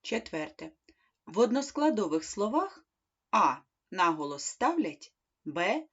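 A woman reading a primary school lesson aloud, slowly and clearly, as a teacher. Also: medium pitch, sing-song, a bit bright. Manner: slow, clear instructional reading. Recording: dull lo-fi recording.

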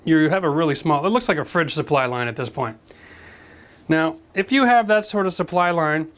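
A man's voice: fairly high pitch, fairly bright tone. A man in his forties hosting a renovation show, giving a direct, practical how-to demonstration from a gutted bathroom. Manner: direct, practical, addresses viewers as folks. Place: gutted bathroom in an old brick building, indoors.

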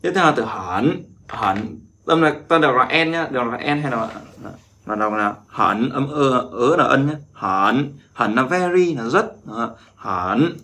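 A man's voice: medium pitch, expressive, bright, forceful tone, a little hiss or hum. A man teaching a casual vocabulary lesson, chatting and drilling words again and again. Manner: repeats words in drawn-out drills, chatty asides. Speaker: Chinese language teacher.

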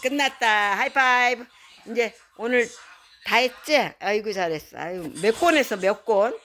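A woman's voice: a little high, lively intonation, moderate pace, a bit bright, slight background noise. An older woman, a grandmother, reading a picture book aloud to a small child in a playful, coaxing way, imitating animal sounds.

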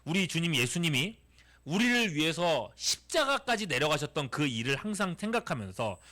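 A middle-aged pastor preaches to a youth group in a high, bright voice. His pitch swings widely as he keeps putting questions to the students and answering them himself. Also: normal speed. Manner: animated, asks the audience many questions. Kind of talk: sermon to teenagers.

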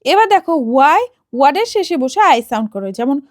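Woman, high pitch, phonics teacher, sounds out words letter by letter, checks in often. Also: big pitch swings, fast talker. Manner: checks in often with a rising question. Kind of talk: explaining a lesson to children and parents.

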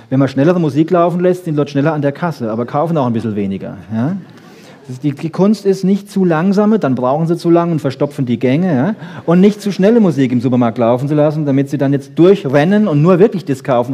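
A brain research lecturer talks in a slightly high, mellow voice with a breathy edge. His informal, animated lecture to an audience is conversational, relying on rhetorical questions and short, emphatic statements.

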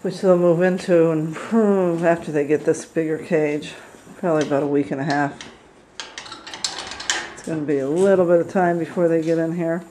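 Brief: a woman rehabber with a low, warm voice, giving a gentle, chatty tour through a handheld camera. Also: fairly even intonation, moderate pace, slight background noise, rough recording. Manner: gentle, chatty, coos at animals. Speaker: squirrel rehabilitator. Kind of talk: casual video tour. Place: indoor rehab room with cages.

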